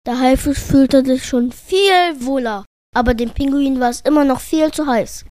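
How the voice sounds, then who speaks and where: High-voiced woman narrating a children's story. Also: moderate pace, darkish tone, no echo, clean studio sound.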